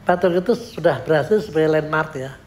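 An older man recalling his work in a documentary interview, an animated storyteller who acts out what he remembers. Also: on the high side, brisk. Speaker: sculptor recounting his work.

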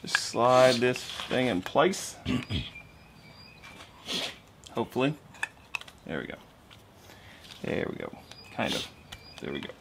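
There's background noise as a man in his thirties casually explains an engine rebuild step by step in his home garage, his voice captured by the camera mic while he works. This garage host speaks slowly in a mid-range, sing-song, creaky voice with long pauses.

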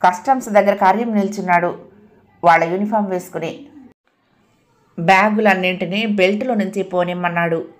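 A woman narrates a serialized audio novel in a calm, steady way, with a medium-pitched voice. Her reading is even and measured, moving the story along without hurry.

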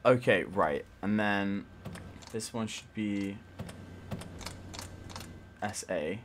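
A man's voice: on the low side, very slow, slight background noise. A young man giving let's play commentary on a desktop mic, swearing a lot with jittery nervous laughter. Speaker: gamer.

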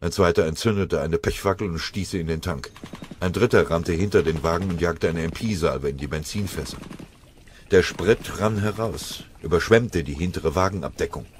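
A man narrating a war audiobook in a steady, dramatic reading. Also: deep voice, moderate pace, a little hiss or hum. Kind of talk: scripted narration.

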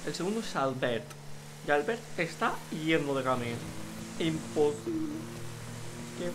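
A young man with a Spain Spanish accent giving excitable live gaming commentary, swearing and yelling at other players. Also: a little high, unhurried, music in the background. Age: young adult. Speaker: gaming YouTuber.

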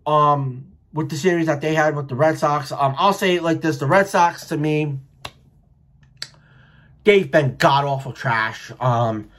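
This American sports vlogger, a thirties-aged baseball fan from Rhode Island, speaks in a fairly high, fairly bright voice at a measured pace. His casual post-game commentary is blunt, opinionated, and heavy on swearing, recorded by webcam in a small furnished room at home.

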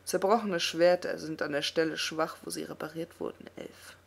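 A woman's voice: sits low, steady tone, moderate pace, gravelly, breathy edge, exaggerated voice. A woman voicing a taunting proud elf prince. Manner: taunting, defiant. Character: proud vengeful male elf prince mage. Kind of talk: audiobook reading.

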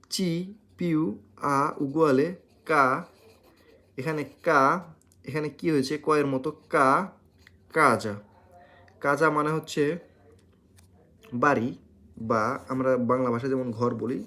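Male language teacher, patient, drills sounds one at a time, middle pitch. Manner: drills syllables slowly one by one; patient explaining, repeats for memory. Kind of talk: beginner language lesson.

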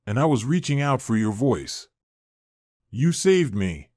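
A man's voice: mid-range voice, very animated, measured pace, darkish tone, no room sound, studio quality. A man reading the part of a young woman just out of a coma, speaking in a slightly raised, emotional and weary voice. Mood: tearful.

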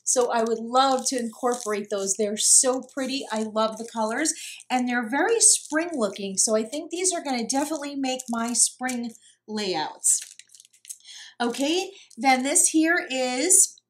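Gushing woman from New York, fairly high voice. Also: measured pace, slight background noise. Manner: gushing, excitable, laughs often. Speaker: craft vlogger. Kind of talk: casual unboxing chat.

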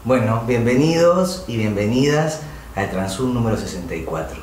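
A man's voice: medium pitch, animated, normal speed, darkish tone, a little hiss or hum. A man hosting an interview, welcoming his guest and asking friendly questions in a casual way. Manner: friendly, uses vos. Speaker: interview host. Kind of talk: conversational interview. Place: small candlelit room indoors. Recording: echoey room with faint ambience.

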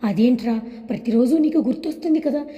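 A woman voicing a caring young man consoling his friend in an audio story, in a concerned, gentle reading. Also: fairly high pitch, a little fast, muffled recording, natural voice. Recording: long hall reverb.

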